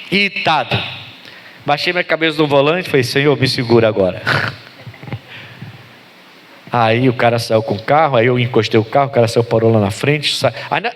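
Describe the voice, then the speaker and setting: Middle-aged Brazilian pastor, high-pitched, sermon delivery with anecdotes and sudden emphatic bursts. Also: male voice, a little hiss or hum. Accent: Brazilian Portuguese. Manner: storytelling, swings from low calm to high emphatic.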